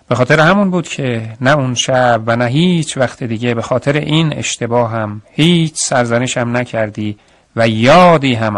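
A man's voice: medium pitch, dry recording. A man narrating a radio story in the first person, reflective and earnest, on a studio mic.

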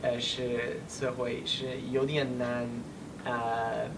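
A young man speaks Mandarin as a foreigner, with a non-native accent and a halting, word-hunting delivery. His pitch is average, and he sits back from the microphone in a noisy room. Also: little pitch movement. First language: not Mandarin. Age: 20s. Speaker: learner of Chinese. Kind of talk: casual conversation in halting Mandarin. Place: small indoor room, seated on a sofa. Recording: distant mic, noisy room ambience.

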